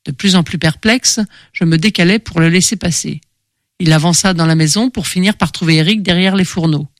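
A woman narrating a first-person novel in an audiobook, steady and expressive. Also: on the low side, a little fast, no echo.

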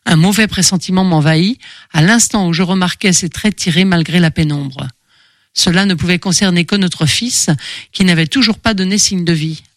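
A woman narrating a first-person novel in an audiobook, steady and expressive. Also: on the low side, normal speed, no room sound.

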